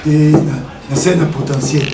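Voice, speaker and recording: A man's voice: fairly high pitch, fairly even intonation, moderate pace, creaky, echoey room, distant mic, heavy background noise. A man, talking as an interview guest, emphatic and repeating his rhetorical questions. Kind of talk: animated interview talk, mixing French and Lingala.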